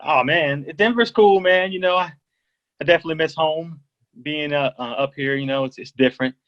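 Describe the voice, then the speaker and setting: A man's voice: a little high, brisk, lo-fi sound. A man from Kansas, a rapper guest, talking easily in casual slang on a video call.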